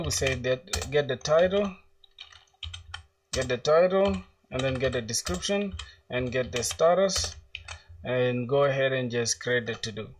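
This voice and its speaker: A man's voice: medium pitch, recorded from a distance, a little hiss or hum. Laid-back young man thinking aloud while coding. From South Sudan. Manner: thinks aloud while coding, reads chat questions aloud, slangy. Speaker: coding livestreamer. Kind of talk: casual live coding narration.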